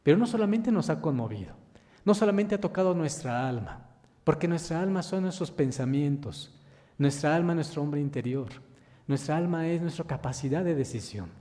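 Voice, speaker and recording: A man's voice: fairly high pitch, animated, normal speed, dark tone. Preaching man in a reverberant church. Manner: reads scripture aloud, then poses questions to the congregation; addresses listeners as brothers. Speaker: minister. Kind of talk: sermon.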